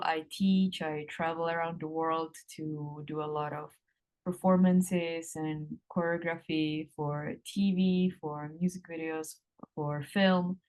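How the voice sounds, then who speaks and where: A woman in her thirties from the Republic, a guest answering interview questions in an unhurried way with frequent ums and drawn-out words. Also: lowish voice. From Czech Republic. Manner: hesitant, many ums, slowing and drawn out.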